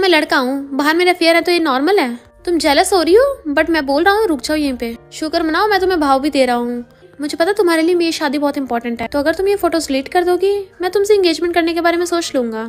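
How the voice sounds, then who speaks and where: A woman narrating a drama plot in a fast, casual recap, voicing each character's lines herself with light shifts. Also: extremely high pitch, lively intonation, soft background music. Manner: quotes every character in her own voice with light shifts.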